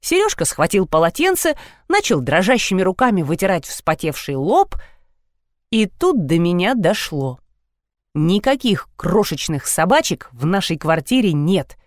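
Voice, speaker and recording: Lively woman reading a storybook. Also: fairly low pitch, measured pace, dry recording, clean studio sound. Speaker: narrator. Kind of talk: audiobook narration.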